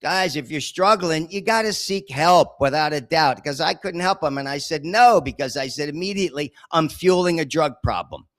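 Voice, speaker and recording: A talkative man hosts his own show, spinning a long story full of asides and street slang. His voice sits a little high for a man. The recording is dry and close, with no room sound. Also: moderate pace, hardly any pauses, a bit bright, no echo. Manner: chatty, rambling, streetwise with frequent asides. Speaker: podcast host. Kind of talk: casual storytelling monologue.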